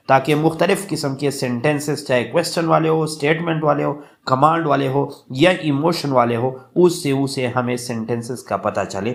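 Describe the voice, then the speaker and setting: A man from Pakistan teaching a lecture, reading English examples slowly and then explaining them. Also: medium pitch.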